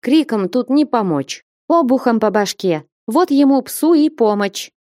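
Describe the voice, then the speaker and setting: Scolding old woman, loud and shrill, raised pitch, read by a woman. Audiobook. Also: unhurried, no echo, clean studio sound, lightly acted. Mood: furious. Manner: shouting, scolding.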